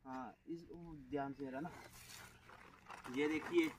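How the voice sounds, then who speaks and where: Against a noisy background, a young Indian vlogger from Himachal Pradesh speaks slowly in a slightly high voice with fairly even intonation. He's camping in a grassy wooded field, talking casually to his viewers as friends while holding the camera at arm's length.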